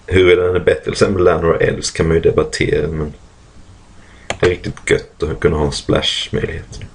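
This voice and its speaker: Very deep gravelly husky man. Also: little pitch movement, a little hiss or hum. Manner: thinking aloud, many fillers, clears throat often. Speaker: card game player commentating a draft. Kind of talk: casual draft commentary.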